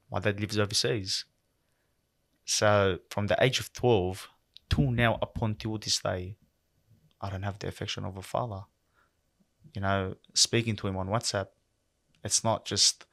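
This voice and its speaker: Earnest low-voiced man from Lebanon. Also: fairly bright tone. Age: around 30. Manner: earnest, reflective, leans on "you know". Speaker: podcast guest, barber. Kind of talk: candid interview talk.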